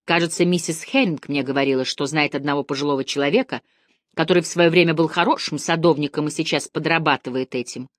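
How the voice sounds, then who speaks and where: A woman reading the part of a spirited, stubborn older woman in a lively, brisk, insistent way. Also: deep voice, no echo, clean studio sound, lightly acted. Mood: chatty.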